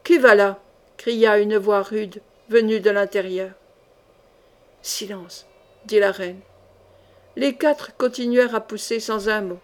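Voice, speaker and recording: A woman reading a novel aloud as an audiobook narrator, in a measured, dramatic storytelling manner. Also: mid-range voice, fairly even intonation. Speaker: audiobook reader.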